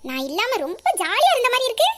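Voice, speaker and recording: A woman's voice: very high-pitched, wildly swooping pitch, fast, bright, forceful tone. A woman plays a cheeky young woman back home after her hostel stay. She teases and complains playfully in a voice-acted family skit. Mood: teasing. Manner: playful, teasing, whiny complaints.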